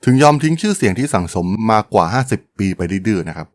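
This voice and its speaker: A man's voice: lowish voice, big pitch swings, fast talker, dry recording, studio quality. A man hosting a podcast, telling a business history story in a polite, chatty way with frequent exclamations. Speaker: podcast host.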